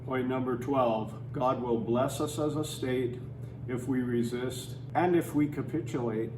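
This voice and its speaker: Speaking at a measured pace in a medium pitch, an anti-legalization campaigner gives a scripted speech full of preachy, emphatic religious conviction. The audio sounds roomy and distant, with faint background noise.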